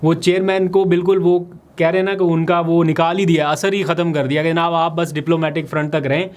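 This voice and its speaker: A political vlogger runs through the day's news in brisk, analytical commentary. His voice is slightly higher than the typical man's, and he lays out each point steadily and matter-of-factly.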